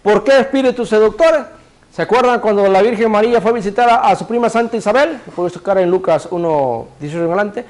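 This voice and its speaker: Male preacher, high voice, sermon delivery, rhetorical questions answered himself, cues a reader to repeat verses. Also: fast, darkish tone. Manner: asks the congregation rhetorical questions and answers them; directs a reader to repeat scripture phrases.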